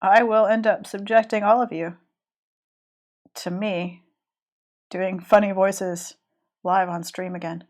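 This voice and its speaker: A woman's voice: mid-range voice, little pitch movement, slow, pauses often. A woman with a cold, chatting casually and rambling with restarts while she draws on a live stream. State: has a cold. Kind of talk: casual chat while drawing.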